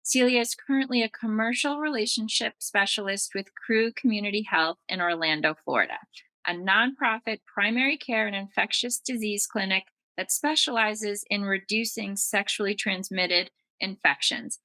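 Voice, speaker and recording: A woman's voice: mid-range voice, moderate pace, sharp tone, no room sound, low-quality recording. A woman hosting a podcast, reading a polished introduction and asking the guest encouraging questions. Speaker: podcast host. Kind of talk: scripted intro and interview questions.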